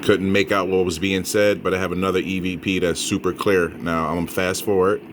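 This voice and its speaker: Deep-voiced man casually presenting spirit recordings. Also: level tone, brisk, background noise. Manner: addresses listeners as folks, emphatic repetition. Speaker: paranormal investigator and host. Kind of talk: casual commentary on EVP recordings.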